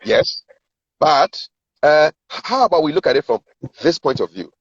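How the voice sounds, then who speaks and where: A middle-aged man with a Ghanaian accent, a communications and sales coach, gives advice in a conversational interview, speaking unhurriedly in a high-ish, animated voice with a breathy edge. He explains carefully, acts out sample dialogue and repeats words for emphasis, all with roomy echo and dull lo-fi sound.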